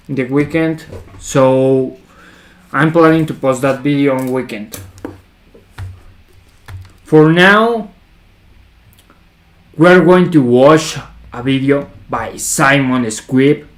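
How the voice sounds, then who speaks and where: A man with a fairly high voice hosts a casual livestream at an unhurried, slow pace. He talks in hype gym-bro style, repeating short phrases and leaning on bro-speak. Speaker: livestream host.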